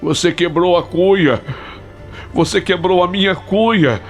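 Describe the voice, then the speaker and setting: A man's voice: sits high, takes it slowly, soft background music, pitched above the performer's own voice. A man voicing the rotting ghost of a drowned man, commanding and accusing in a storytold ghost tale. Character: rotting drowned male ghost, authoritative and vengeful.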